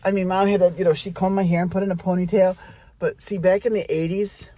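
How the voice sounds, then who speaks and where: A woman's voice: on the low side, little pitch movement, fast talker, mellow. A middle-aged woman telling a rambling personal story in a chatty way, talking straight to her audience.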